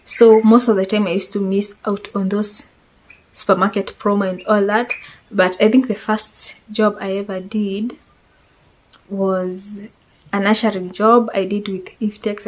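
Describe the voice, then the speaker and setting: A Kenyan woman in her twenties who speaks Swahili rambles casually through a tag-question vlog, often hedging with "I think." Her voice sits in the mid range, and the recording quality is low.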